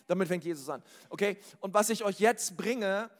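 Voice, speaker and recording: A man preaching to a congregation in a casual, direct way, often asking the crowd if they follow, swinging between loud calls and quiet asides. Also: sits high, moderate pace, long reverb tail. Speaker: pastor. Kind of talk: lively sermon to a congregation. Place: hall with a live congregation.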